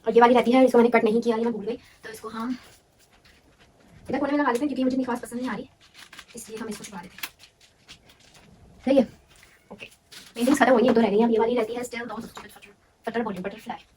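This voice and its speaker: Young woman, quick casual narration, warm dark tone, faint hiss behind. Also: a little high, steady tone. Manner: thinks aloud, self-correcting. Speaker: vlogger. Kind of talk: casual narration while decorating.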